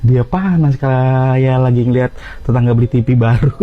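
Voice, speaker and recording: A man's voice: mid-range voice, fairly even intonation, normal speed. A man giving wry, amused reaction commentary. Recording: dull lo-fi sound, faint music.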